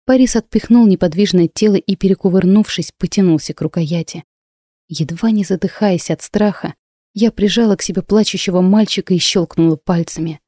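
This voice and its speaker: A woman narrating a first-person fantasy audiobook in a steady, expressive storytelling manner. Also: fairly low pitch, brisk, dry recording, studio quality.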